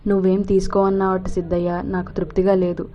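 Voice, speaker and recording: A woman voicing a cheerful, grateful rich young gentleman, in a dull lo-fi recording. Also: high-pitched, completely flat delivery, fast, lightly acted. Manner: hearty, grateful.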